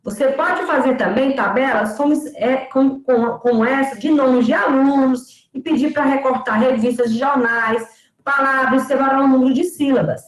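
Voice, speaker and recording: A woman lecturer giving an online teaching lesson, explaining slowly and sounding out words syllable by syllable. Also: high-pitched, roomy sound, rough recording. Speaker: pedagogy lecturer.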